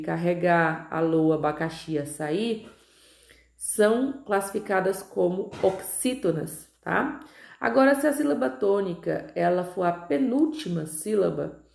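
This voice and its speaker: A Brazilian Portuguese woman teaching a recorded grammar lesson, drawing out example words slowly and often checking in with her students. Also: medium pitch, gravelly, darkish tone. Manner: slow, stretched-out pronunciation of example words, frequent "tá?" checks. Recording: echoey room.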